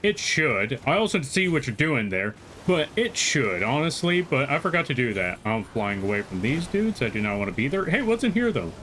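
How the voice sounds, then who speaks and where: A man's voice: medium pitch, very animated, moderate pace, hardly any pauses, a bit bright, a little hiss or hum. A man streaming a game live, chatting playfully, reading chat aloud and joking with the game as he plays. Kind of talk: live gameplay commentary.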